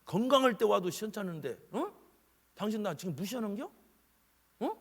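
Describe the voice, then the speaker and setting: A man's voice: high voice, very animated, normal speed, breathy edge, pitched above the performer's own voice, exaggerated voice. A man playing an arrogant, indignant doctor. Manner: scoffing, rising, exasperated tirade. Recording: long church hall reverb.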